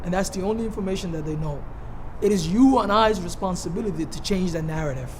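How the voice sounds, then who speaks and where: A man from Somalia giving an earnest, halting congratulatory speech to graduates, often repeating words as he goes. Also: sits high. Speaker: speaker addressing graduates. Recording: noisy, with background ambience.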